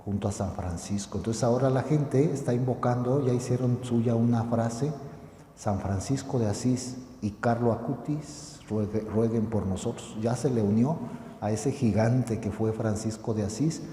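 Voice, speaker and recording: Priest preaching in an echoey church. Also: male voice, medium pitch, moderate pace, dark tone. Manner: conversational, repeats and restarts phrases. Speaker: parish priest. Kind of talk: homily. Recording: echoey church with long reverb, faint noise.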